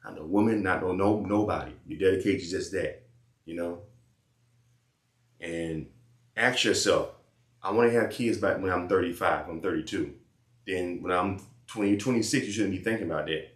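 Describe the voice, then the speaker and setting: A man with a very low voice gives blunt, preachy life advice in loose slang, often saying the same thing twice. His voice echoes around a bare room. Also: moderate pace. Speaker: vlogger giving life advice. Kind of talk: casual advice monologue and phone chat.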